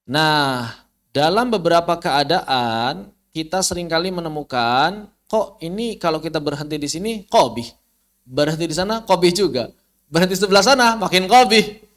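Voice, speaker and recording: A man teaching Quran recitation rules in an online lesson, explaining with rhetorical questions and chanting Arabic verses slowly. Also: a little high, lively intonation, fairly bright tone. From Indonesia.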